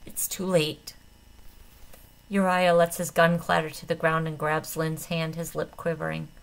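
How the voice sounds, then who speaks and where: A woman narrating an audiobook in a steady, subdued first-person voice. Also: low voice, moderate pace, vocal fry.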